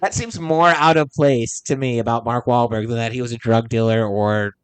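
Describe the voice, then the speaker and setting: A man's voice: medium pitch, steady tone, moderate pace, clean tone, no echo. Man musing aloud as podcast host. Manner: meandering, thinks aloud with restarts. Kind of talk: casual podcast chat.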